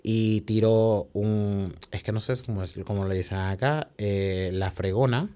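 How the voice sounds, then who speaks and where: With a warm, fairly low voice, a young Venezuelan man tells a podcast interviewer about a tough stretch he went through. He talks fast and emotionally, often restarting and dropping in tag questions, and his Venezuelan Spanish accent is obvious throughout.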